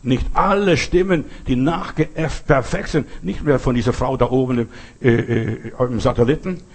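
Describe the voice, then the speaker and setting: A man with a husky voice preaches a sermon to his congregation. He speaks to them directly and swings between loud, emphatic bursts and slow, quiet lines. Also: mid-range voice. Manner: addresses listeners directly with "weißt du" and "verstehst du".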